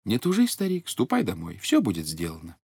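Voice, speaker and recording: A man voicing a calm, gentle magical golden fish that speaks softly. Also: on the low side, a little fast, vocal fry, breathy edge, dry recording, pitched below the performer's own voice, exaggerated voice.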